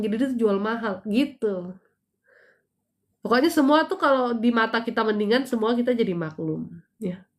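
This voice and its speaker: A woman in her thirties hosting a casual live stream, giving chatty spiritual advice with teasing asides and emphatic preachy bursts. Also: mid-range voice.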